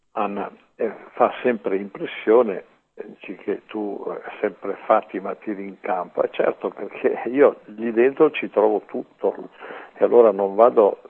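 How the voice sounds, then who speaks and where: A man's voice: lowish voice, husky. A man giving an informal religious talk on the radio, chatty, often adding "eh" and "vero". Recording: tinny radio line.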